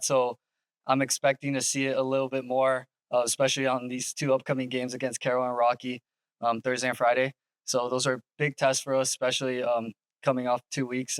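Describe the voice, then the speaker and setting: A men's soccer coach answers questions in a measured way, pausing often. His voice is smooth and clear with little movement in pitch. The sound is dry and close. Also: no room sound. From Yakima, Washington. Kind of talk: interview answers.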